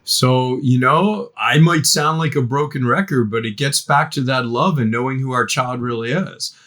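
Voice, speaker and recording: A middle-aged man, a guest expert, answering podcast interview questions in an animated way, often acting out parents and teens. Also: mid-range voice, moderate pace. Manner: animated, acts out parents and teens in quoted voices.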